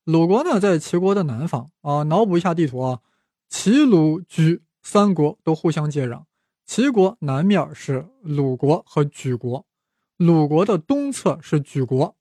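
A man narrates history in a chatty, joking way and keeps turning to the listener with asides. His voice sits a little high, and the sound is dry and close, with no room around it. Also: animated, a little slow, warm tone, dry recording. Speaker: podcast host. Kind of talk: casual history storytelling.

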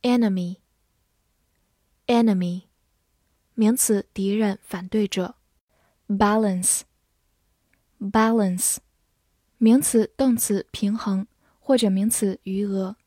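A woman's voice: mid-range voice, steady tone, dark tone, no room sound, clean studio sound. A young woman teacher leading a vocabulary lesson, saying each English word twice before explaining it. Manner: reads words twice, slow and clear, then glosses.

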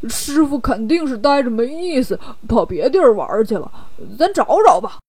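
A woman voicing a lazy, food-loving male pig-monk in a lowered, drawling voice. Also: lively intonation, moderate pace, darkish tone, dry recording. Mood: lazy easygoing. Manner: lazy, drawling, deeper put-on voice.

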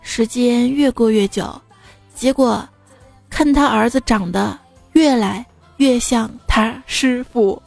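A woman's voice: on the high side, slow pace, vocal fry, no room sound, faint music behind. A woman radio host telling cold jokes in a playful storytelling manner, briefly putting on voices for her characters.

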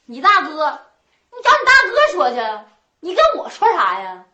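A woman playing a shrill quarrelsome sister-in-law. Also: very animated, unhurried, full character voice. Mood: scornful. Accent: Northeastern Mandarin. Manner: sharp-tongued, quarrelsome. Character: shrewish middle-aged sister-in-law, stingy and spiteful. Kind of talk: comic stage folk opera dialogue. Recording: echoey stage sound.

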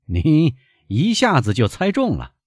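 A man reading aloud, voicing a calm, shrewd young gentleman who teases and bargains. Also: on the high side, a little slow, no echo, studio quality, voice pushed up, exaggerated voice. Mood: matter-of-fact. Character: young gentleman, calm, knowing, quick-witted.

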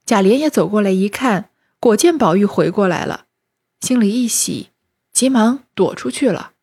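A woman narrating a classic novel as a storyteller, with a steady retelling that lightly acts out the speech. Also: mid-range voice, normal speed, husky.

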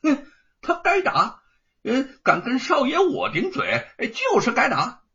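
A man voicing an arrogant young male bully, a rich landlord's son, who sneers and shouts. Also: very high-pitched, huge pitch swings, a little slow, voice pushed up, full character voice. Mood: sneering fury. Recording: dull lo-fi recording.

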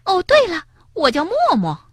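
A woman voicing a small blind male mole in a storybook, with a high, quick, chirpy voice. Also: huge pitch swings, dry recording, clean studio sound, heavily acted. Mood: curious. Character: grumpy then gentle little blind male mole.

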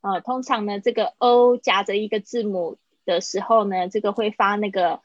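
A woman's voice: medium pitch, fairly even intonation, normal speed, no echo. A woman teaching an English lesson online, explaining in Mandarin and modelling each English word twice. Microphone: online call. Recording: dull, dry live-stream audio.

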